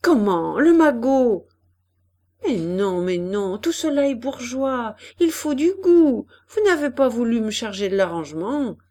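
A woman reading aloud, voicing a suave gentleman who speaks in a calm, condescending way. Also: a little high, unhurried.

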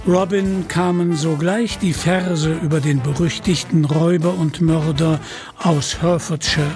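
A man narrating a radio story in a measured, dramatic way. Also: on the high side, fairly even intonation. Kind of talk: scripted audiobook narration. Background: music.

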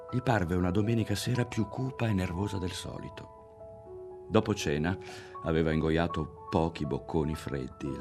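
A man narrating a literary audiobook in a measured, expressive way. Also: sits low, gravelly. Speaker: audiobook reader.

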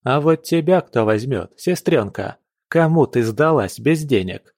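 A man's voice: medium pitch, animated, unhurried, a little mellow, no room sound, clean studio sound, pitched above the performer's own voice. A man doing a sneering young noble son. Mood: sneering proud. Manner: sneering, proud.

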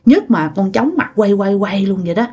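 A woman's voice: mid-range voice, expressive, moderate pace, mellow, breathy edge. A woman voicing a meek young woman who complains of a headache and dizziness in a spoken ghost story. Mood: weak complaining.

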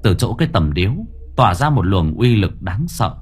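A man narrating an audio story in a lively, dramatic way. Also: low-pitched, moderate pace, slight background noise.

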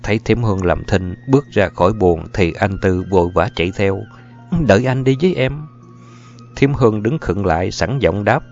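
A man narrating a story in an expressive, fast-paced way, on a dull lo-fi recording. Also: deep voice, faint music behind. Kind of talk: dramatic audiobook narration.

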